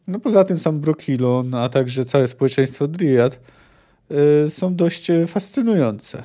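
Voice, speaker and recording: This podcast host reviews fantasy books in a casual monologue, thinking aloud and often hesitating with fillers. His voice sits on the high side, expressive and dark-toned, and he keeps a measured pace.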